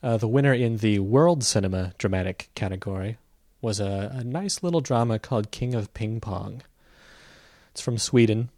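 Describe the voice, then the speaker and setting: A man's voice: on the low side, normal speed, mellow, no room sound, clean studio sound. A man talking casually as a film critic, thoughtful and hesitant, with many fillers and restarts. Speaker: film critic reporting from a festival. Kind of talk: casual conversational review.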